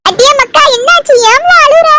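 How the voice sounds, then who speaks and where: A woman's voice: very high voice, moderate pace, loud music behind the voice. A woman voicing a doting, dramatic village mother in a cartoon, with a scolding, theatrical manner. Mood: worried. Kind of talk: cartoon voice acting.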